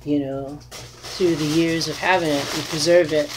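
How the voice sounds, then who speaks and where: A woman in her thirties chatting casually to camera in an unhurried, rambling way, as an artist showing her handmade crafts. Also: low-pitched, fairly even intonation. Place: small cluttered room indoors. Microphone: device mic at arm's length. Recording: noisy home webcam recording.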